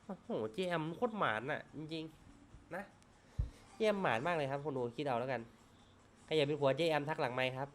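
A man giving excitable, profane live commentary on a slot game stream. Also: a little high, fairly quick, long pauses, background noise. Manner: excitable, swears often, shouts at spins.

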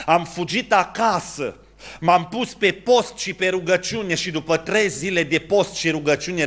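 A man with a Romanian accent preaching a sermon in a church, telling stories and acting out their dialogue, dropping to hushed tones and then rising again. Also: sits high.

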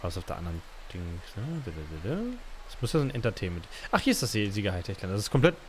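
A man's voice: fairly low pitch, big pitch swings, quick pace, slight background noise. A man casually commenting on his gameplay as a let's play host, muttering and rambling with many fillers.

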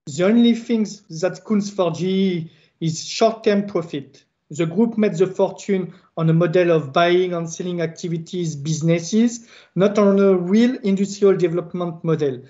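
A man with a French accent speaks earnest, halting English on a video call. His voice sits a little high, and the sound is dull and lo-fi. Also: warm tone. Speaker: works council secretary. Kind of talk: online panel presentation.

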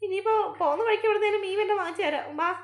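A woman's voice: extremely high pitch, racing. A woman playing a fretful, scolding mother in a family comedy skit, full of exclamations.

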